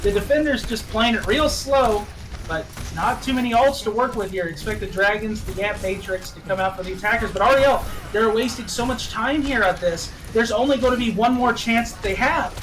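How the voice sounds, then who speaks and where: High-pitched guy calling an esports match, gets all worked up, sounds far off the mic with noise behind. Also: moderate pace. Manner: excitable, laughs at own slips. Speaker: esports caster. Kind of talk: play-by-play esports commentary. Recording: distant mic with background noise.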